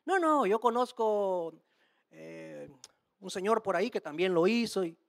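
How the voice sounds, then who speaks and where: A woman's voice: mid-range voice, wildly swooping pitch, measured pace. A woman preacher quoting a stubborn, touchy fool who brushes off advice. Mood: dismissive. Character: stubborn, touchy foolish person, dismissive.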